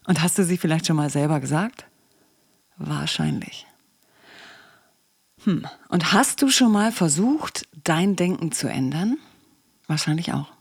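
A woman's voice: lowish voice, husky, no echo, studio quality. A woman coach and psychologist hosting a podcast, talking casually and asking the listener questions. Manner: conversational, asks the listener questions.

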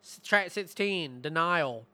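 A man giving a casual, profane album review, rambling and slipping into rapped lyrics, his voice going hoarse. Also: on the high side, expressive, takes it slowly, sharp tone, dry recording. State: losing his voice.

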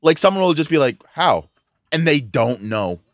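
A man's voice: fairly high pitch, sing-song, normal speed, no echo, clean studio sound. A young man hosting a podcast in casual, blunt, sweary chat, often repeating himself. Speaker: podcast host.

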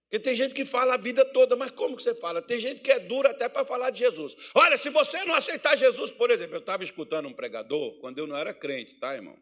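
A middle-aged pastor from preaches in its with a rather high voice. He tells homely stories and swings from ringing declarations down to quiet asides. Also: expressive, rapid-fire. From Minas Gerais, Brazil. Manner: folksy, storytelling preacher who shifts between loud declarations and soft asides. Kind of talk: sermon.

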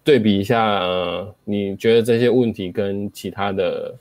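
Low-voiced man explaining with demonstrations. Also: unhurried, a little mellow, no echo. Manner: explains with spoken demonstrations and frequent fillers. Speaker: host explaining speaking skills. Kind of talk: casual explanatory chat.

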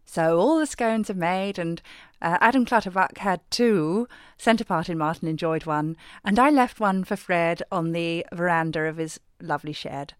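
A woman's voice: lowish voice, normal speed, hardly any pauses, clear, resonant tone, dry recording. A middle-aged woman hosting a scripted comedy podcast, delivering a countdown of her husband's habits in a dry, exasperated way. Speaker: host. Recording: music bed behind the voice.

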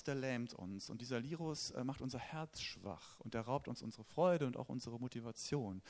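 Lively, animated German-speaking preacher. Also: male voice, mid-range voice. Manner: lively, conversational preaching with questions to the congregation. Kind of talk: sermon.

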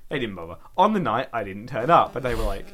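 Lively chatty man. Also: medium pitch, quick pace. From Essex, England. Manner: chatty, rambling, uses "like" constantly. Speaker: podcast co-host. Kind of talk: casual chat.

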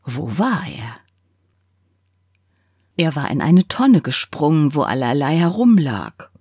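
A woman reading a fairy tale aloud in an expressive, unhurried storytelling manner. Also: sits low, husky, dry recording, clean studio sound. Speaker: reader.

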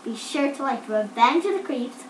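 A woman's voice: high-pitched, moderate pace, roomy sound, a little hiss or hum. Young woman reading a storybook aloud. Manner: lively read-aloud with character voices. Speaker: podcast storyteller. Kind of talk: storybook narration.

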